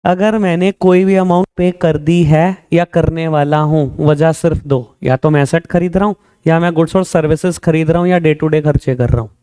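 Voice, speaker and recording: A man teaching an accounting class, quizzing his students with quick questions and slowing down to stress English definitions. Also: on the high side, steady tone, dark tone, clean tone. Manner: mixes Hindi with English terms, slow stressed definitions. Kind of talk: classroom lecture.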